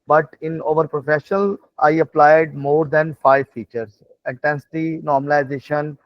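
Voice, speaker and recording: A man who is a non-native English speaker, instructing a live online class in a halting, repetitive way, often checking that listeners follow. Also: fairly high pitch, no room sound. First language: not English. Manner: halting, repetitive explaining with frequent check-in questions. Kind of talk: live online lesson, explaining while demonstrating on screen. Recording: dull, lo-fi online call audio.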